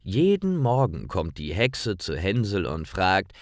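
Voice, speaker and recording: A man narrating a fairy tale slowly and clearly for language learners. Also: low-pitched, dry recording, clean studio sound. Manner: slow, clear, lively storytelling. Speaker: storyteller.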